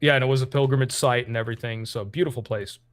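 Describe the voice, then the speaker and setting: Speaking fast in a mid-range voice, this man hosts a stream and talks politics in a loose, rambling way, constantly using fillers and restarting sentences. He is not a native English speaker, and there is no echo on the audio.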